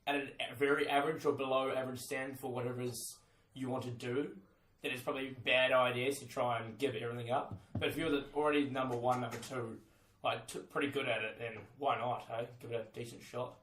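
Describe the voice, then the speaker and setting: A man's voice: mid-range voice, level tone, fast, a bit bright, a little hiss or hum. A man with a New Zealand accent co-hosting a podcast in a casual, mildly teasing way. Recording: roomy echo.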